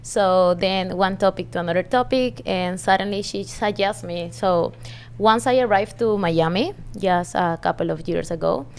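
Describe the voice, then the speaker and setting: Give me a young woman, a smooth, clear voice, upbeat and hesitant as a podcast guest. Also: lowish voice, moderate pace. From Peru. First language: Spanish. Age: young adult. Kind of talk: friendly interview answers. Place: media studio.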